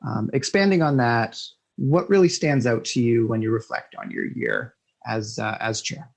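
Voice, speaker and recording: A man's voice: mid-range voice, expressive, moderate pace, vocal fry. Chatty male podcast host. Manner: friendly and informal, with frequent fillers and restarts. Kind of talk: podcast interview.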